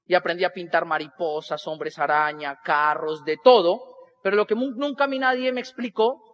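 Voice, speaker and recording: A man's voice: high voice, moderate pace, highs cut off. A Colombian man telling a humorous life story to an audience, acting out the people in it. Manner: animated, acts out other people's voices in dialogue.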